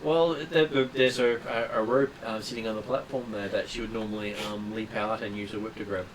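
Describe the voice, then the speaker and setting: A man's voice: on the low side, steady tone, fairly quick, poor audio. A man running a tabletop role-playing game as game master, explaining things in a hesitant way. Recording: faint room hum and noise.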